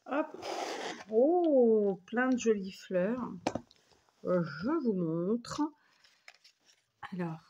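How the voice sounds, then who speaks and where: A woman's voice: mid-range voice, breathy edge. A woman at home, casually showing craft items in a rambling, self-correcting chatty way. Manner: rambling, self-correcting, warm thanks to senders. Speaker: crafting vlogger. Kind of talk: casual chatty show-and-tell. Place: at home, indoors.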